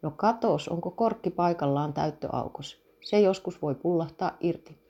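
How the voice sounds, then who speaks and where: A woman voicing a practical man who is a vintage motorcycle mechanic and gives quick repair advice. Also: on the low side, dark tone, dull audio. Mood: casual, helpful.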